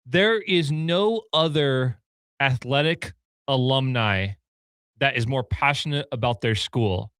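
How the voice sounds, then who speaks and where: A man's voice: mid-range voice, slow, a bit bright, clear, resonant tone, no echo. A man chatting enthusiastically in a radio studio, rambling a little as he talks. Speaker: radio producer. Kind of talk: casual studio chat.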